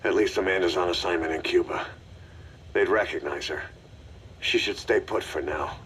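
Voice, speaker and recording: An actor playing a gruff mercenary leader in a video game, giving a grave, terse, commanding briefing. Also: male voice, deep voice, normal speed, a bit bright, slight background noise. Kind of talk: video game voice acting, mission briefing dialogue.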